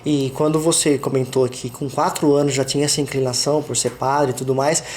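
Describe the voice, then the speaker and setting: A man's voice: medium pitch, steady tone, fairly quick, darkish tone, a little hiss or hum. A male interviewer asking short questions and giving brief affirmations. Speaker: interviewer, host. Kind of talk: casual interview.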